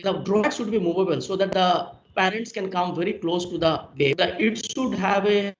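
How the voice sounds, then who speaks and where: A man's voice: high-pitched, moderate pace. A man giving a technical presentation on a video call, explaining each point step by step and summing up, heard through a screen recording. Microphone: computer mic on a video call. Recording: echoey, dull video-call audio with faint hiss.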